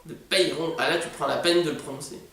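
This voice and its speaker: A high-voiced man, heard in a very echoey room a little way from the mic. His pitch swings widely as he mocks a film in casual, exasperated commentary. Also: steady tone, brisk, vocal fry, a bit bright. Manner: exasperated, sarcastic, prone to outbursts and swearing. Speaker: host reacting to an animated film. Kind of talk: live film commentary, casual mocking reactions. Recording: echoey room, distant microphone.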